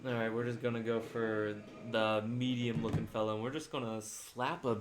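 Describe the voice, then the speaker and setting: A man's voice: mid-range voice, steady tone, normal speed, a little hiss or hum. A man playing a tabletop game, chatting casually and thinking aloud about the rules. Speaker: player.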